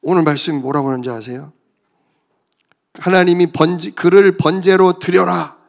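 A male pastor preaching a sermon, telling stories in an animated way and calling out for amens. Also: high voice, normal speed, creaky. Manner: animated storytelling, calls for amens.

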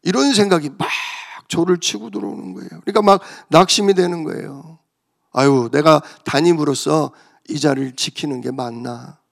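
A man's voice: a little high, moderate pace, creaky. A man pastor preaching an emotional, confessional sermon that builds in intensity.

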